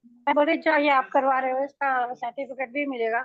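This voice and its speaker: Online class में सवाल पूछती एक महिला, जिसकी आवाज़ ख़राब कनेक्शन से बार-बार कट रही है और वह ज़ोर से बोलती है।. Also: female voice, high-pitched, steady tone, brisk, narrow, tinny audio, soft background music. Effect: breaking up over a bad online connection. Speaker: participant asking questions. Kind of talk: casual question in an online class.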